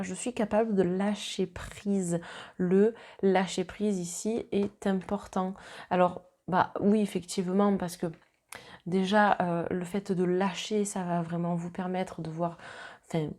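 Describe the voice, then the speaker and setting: A southern French woman with a Marseille accent gives an easygoing tarot reading in a mellow, fairly low voice. Her talk is chatty and comforting, peppered with fillers and frequent restarts.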